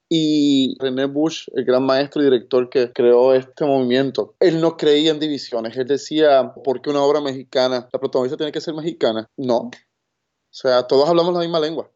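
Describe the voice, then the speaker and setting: A man working as a theater's communications director, speaking earnestly and deliberately in an interview. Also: medium pitch, darkish tone. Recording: dull lo-fi sound.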